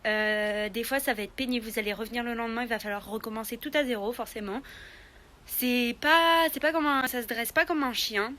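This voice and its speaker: A woman's voice: fairly high pitch, steady tone, fairly quick, sharp tone. A young woman making a casual vlog tutorial, chatting with lots of hesitant fillers. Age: young adult. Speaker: pet vlogger.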